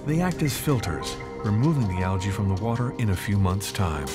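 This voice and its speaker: Low-voiced male nature documentary narrator over music. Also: sing-song, fairly quick. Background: prominent background music.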